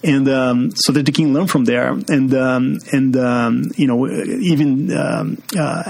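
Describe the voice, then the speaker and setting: The guest on this business podcast interview is a Brazilian man working as a marketing executive, speaking with a Brazilian Portuguese accent. His voice sits at medium pitch, creaky and slightly mellow, and he fills his talk with hesitations and restarts.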